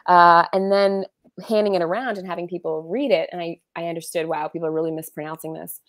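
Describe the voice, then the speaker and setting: Her voice is lowish and steady, and she speaks quickly; she's a thirtysomething author and illustrator being interviewed on a video call. Chatty and casual, she leans on fillers and restarts, and the recording is dry.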